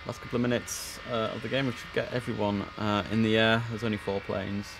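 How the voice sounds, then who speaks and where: A man with a croaky early-morning voice, chatting on a live stream while giving air traffic control calls. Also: lowish voice, flat delivery, a little fast. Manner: chatty, mixes slang with controller phraseology. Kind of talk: casual live-stream commentary with radio calls.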